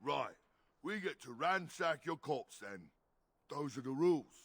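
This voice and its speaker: An actor playing a dim-witted, hulking brute of a highway bandit in a fantasy game, slow-witted like an oafish giant, with a gravelly voice. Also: male voice, animated, a bit bright, dry recording, exaggerated voice. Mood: blunt menace. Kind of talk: fantasy video game acting.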